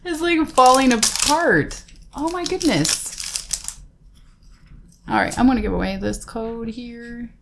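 A woman's voice: a little high, lively intonation, slow, gravelly, long pauses, background noise. A woman hosting a casual card-pack unboxing, chatting and naming each card aloud with easy laughs. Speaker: host opening trading card packs.

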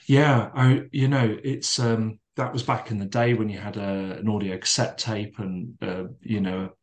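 A middle-aged man appears as a podcast guest, speaking calmly and deliberately in a slightly low voice. He tells reflective stories in conversation, often circling back on what he's said and using lots of fillers.

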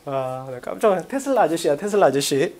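A woman lecturer teaching an online exam-prep class in a brisk, drilling manner, asking quick check-questions and dropping chatty asides. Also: low-pitched, sing-song, a little mellow. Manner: casual, chatty asides with laughs.

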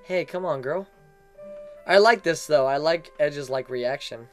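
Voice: medium pitch, measured pace. A let's play commentator in casual game commentary, crude and jokey, swearing often. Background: faint game music.

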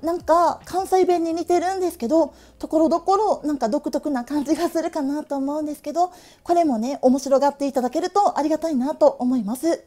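A woman's voice: high voice, quick pace, few pauses, warm tone, soft background music. A woman in her late thirties with a Tokushima Awa-dialect accent, chatting cheerfully to camera in a stationery vlog and laughing often. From Tokushima, Japan. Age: late 30s. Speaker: stationery vlogger. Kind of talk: casual chat to camera.

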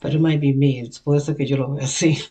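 A woman's voice: very deep voice, steady tone, brisk. A woman hosting a reaction video, switching between Spanish and English as she explains lyrics and thinks aloud. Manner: thinks aloud, restarts and self-corrects. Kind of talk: casual reaction commentary.

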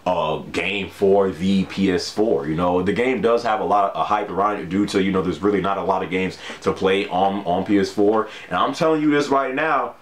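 A man's voice: low voice, normal speed, few pauses, roomy sound. A man vlogging casually about video games, chatting loosely with lots of fillers and frequent laughs. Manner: laid-back, laughs often, many fillers like "you know". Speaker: gaming vlogger. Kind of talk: casual talk to camera.

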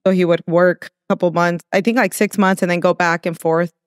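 A soft-spoken man, born in Mexico and raised in California, speaks as a guest in a relaxed interview. He pauses and hedges as he reflects. His voice is smooth and clear, recorded close and dry, with no room sound. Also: high-pitched, no room sound. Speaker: guest, restaurant entrepreneur. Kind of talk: casual interview conversation.

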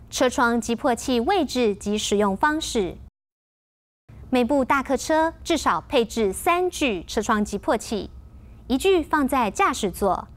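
A woman with a Taiwanese Mandarin accent narrating in the scripted style of a flight safety demo, measured and instructional. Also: fairly high pitch. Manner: clear, measured instructional delivery.

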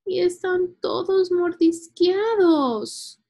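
A woman playing a worried small girl in a picture book, high-pitched, loud, slow, gravelly, storybook read-aloud. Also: full character voice. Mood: upset. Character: fretful young girl.

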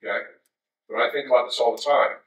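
A man's voice: medium pitch, fairly even intonation, fast talker, a bit bright. Wry man in his fifties, keynote in a roomy hall. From United States. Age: 50s. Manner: conversational and wry, with asides to the audience. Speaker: keynote speaker. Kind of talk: conference keynote talk. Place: large darkened conference hall. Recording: roomy hall sound from a distance.

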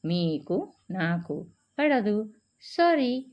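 A woman's voice: medium pitch, very animated, drawn-out words. Preethi, a woman playing a bold young woman. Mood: probing. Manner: direct, questioning. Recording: dull lo-fi recording.

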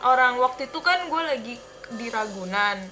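High bright-voiced young woman rambling. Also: expressive, normal speed, soft background music. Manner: rambling, self-interrupting, reacts loudly to the game. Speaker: gameplay commentator. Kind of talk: casual gameplay commentary and storytelling.

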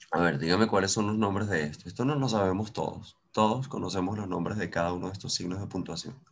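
A man with a deep, slightly breathy voice and a Venezuelan accent teaches English in an online class. He switches between Spanish and English and is patient and encouraging.

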